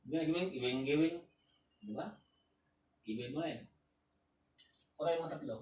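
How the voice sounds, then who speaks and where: A Filipino man coaching a patient through exercises, counting reps aloud and shouting cheers. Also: fairly high pitch, moderate pace. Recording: roomy, distant, faint room noise.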